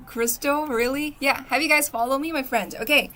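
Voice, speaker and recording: A young woman from Shanghai who grew up speaking Chinese hosts a relaxed livestream in a high, pushed, bright voice with big pitch swings and an unhurried pace. She's chatty, answering comments from viewers and repeatedly asking "okay?"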